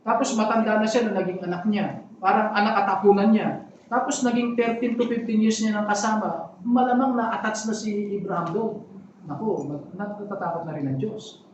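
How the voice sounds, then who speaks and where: A pastor giving a sermon, talking conversationally with frequent asides to the congregation. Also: male voice, high-pitched, steady tone, moderate pace, a little hiss or hum. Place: church hall. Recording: echoey hall from far off.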